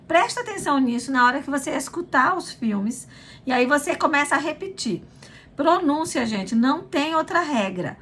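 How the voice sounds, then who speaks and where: A woman's voice: high voice, fairly bright tone. A woman with a Brazilian Portuguese accent, a language school director, explaining study tips in a conversational way with frequent fillers. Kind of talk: informal teaching talk.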